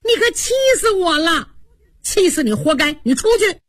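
Ping'er, a woman doing a quick-witted, fiery young maid. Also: high-pitched, big pitch swings, breathy edge, dry recording, clean studio sound, voice pushed up, full character voice. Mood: angry. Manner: quick, chiding, clever.

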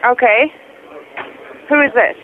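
A woman answering the phone at a restaurant, brisk, confused and impatient. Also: on the high side, crowd noise. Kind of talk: phone conversation. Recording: tinny phone line, busy restaurant.

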